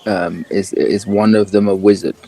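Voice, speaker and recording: A man's voice: low-pitched, level tone, moderate pace, dark tone. A man playing a tabletop game on a voice call, casual and thinking aloud with fillers. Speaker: player.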